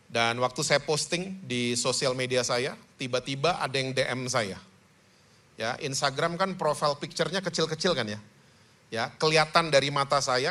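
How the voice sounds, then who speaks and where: A male pastor preaching a sermon with animated delivery, often checking in with the congregation. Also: mid-range voice. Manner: animated, with rhetorical "hmm?" prompts to the congregation.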